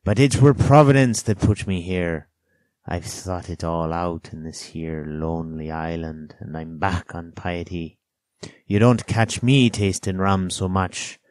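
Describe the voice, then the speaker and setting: In an excited mood, a low-pitched man plays a half-crazed, sly, childish old sailor marooned in a storybook tale. He speaks in rustic dialect, stretching words out and breaking into sudden excitable bursts. The recording is dry.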